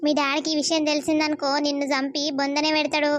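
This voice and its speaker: A woman's voice: high-pitched, monotone, natural voice. A woman voicing an angry middle-aged village mother who scolds her daughter. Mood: scolding. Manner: scolding, reproachful, rapid. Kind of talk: cartoon voice acting.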